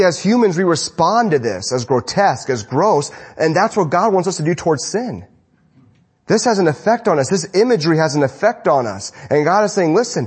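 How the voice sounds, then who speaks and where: A male pastor preaching a sermon in an animated, conversational way. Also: a little high, breathy edge.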